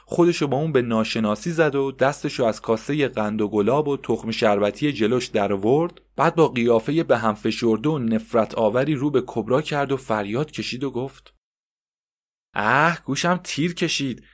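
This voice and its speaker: A man narrating a story in a steady, descriptive way with occasional conversational asides. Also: medium pitch, few pauses.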